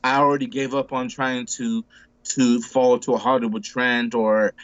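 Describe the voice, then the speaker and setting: A man in his forties speaks at a moderate pace and medium pitch, with a flat, slightly bright delivery on a dry, dull recording. Laid-back as an interview guest in casual conversation, he rambles with many restarts and repeated words, calling people bro and dude a lot.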